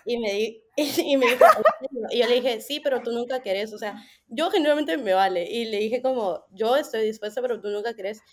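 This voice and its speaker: A woman's voice: on the high side, brisk, darkish tone. A young woman co-hosting a podcast, telling a funny anecdote in a chatty way and quoting both sides of a conversation. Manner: chatty, laughing, quoting back and forth. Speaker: podcast co-host. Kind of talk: casual storytelling chat.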